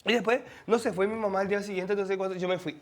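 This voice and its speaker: Paraguayan man, high voice, animated storyteller who slips into impressions, TV guest. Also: fast talker. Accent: Paraguayan Spanish. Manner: animated, laughing, mimics voices. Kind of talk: casual storytelling.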